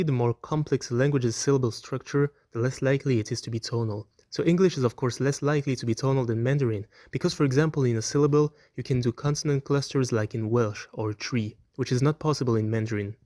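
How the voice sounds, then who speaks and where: Man, educational narrator, scripted, mid pitch, clear explanatory delivery, dry close recording. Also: mellow, no echo. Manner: clear explanatory delivery, slows to demonstrate example words. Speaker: educational video presenter.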